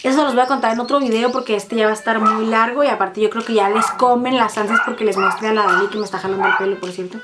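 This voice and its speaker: A woman with a Mexican accent telling a personal story in fast, profane, dramatic casual chat. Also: on the high side, steady tone, heavy background noise. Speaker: vlogger.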